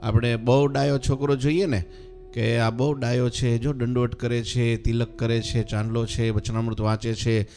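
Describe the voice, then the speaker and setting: A man's voice: mid-range voice, flat delivery, moderate pace, mellow, faint music behind. Man preaching a sacred story. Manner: storytelling with rhetorical questions to listeners. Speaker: swami preacher. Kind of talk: devotional story sermon.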